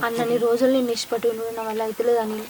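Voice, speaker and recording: A woman's voice: a little high, level tone, very fast, close to an everyday voice. A woman with a Telangana accent acting as a young village woman busily packing for a relative in a comedy skit. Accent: Telangana Telugu. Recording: loud music behind the voice.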